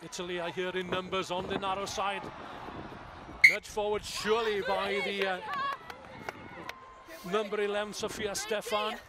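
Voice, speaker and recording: Brief: high-pitched male sports commentator, chatty and anecdotal, heavy crowd noise and field clatter behind him. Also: little pitch movement, normal speed. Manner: chatty, anecdotal, fond of background details. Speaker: match commentator. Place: outdoor stadium.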